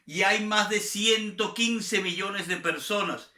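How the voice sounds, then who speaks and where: A man with a Venezuelan Spanish accent gives a slow, careful grammar review, repeating and spelling out example words. His voice sits high and sounds very bright. The room around him is echoey. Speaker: Spanish teacher.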